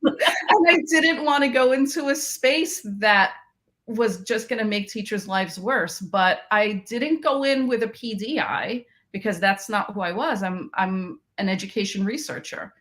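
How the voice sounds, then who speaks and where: This math education researcher from Queens, New York, talks at a measured pace in a mid-range, slightly bright voice. Interviewed as a guest on a podcast, she reflects on her story and frequently starts her sentences over.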